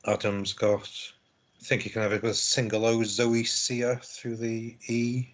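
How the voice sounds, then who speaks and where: A man co-commentating a live game, measured and reflective as he chimes in on plays. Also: mid-range voice, monotone.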